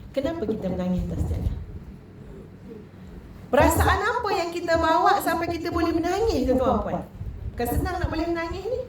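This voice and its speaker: High-voiced Malaysian woman preaching in an echoey hall. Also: slight background noise. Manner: lively and conversational, questioning the audience. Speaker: female religious teacher. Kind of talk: religious talk to a women's audience. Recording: echoey hall, distant mic.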